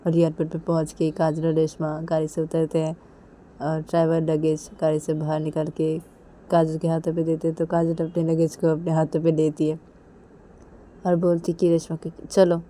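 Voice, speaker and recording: A woman's voice: low voice, completely flat delivery, normal speed, dark tone, a little hiss or hum. A woman narrating a romance story in a casual, repetitive storytelling manner. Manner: simple, repetitive phrasing with many linking 'then's.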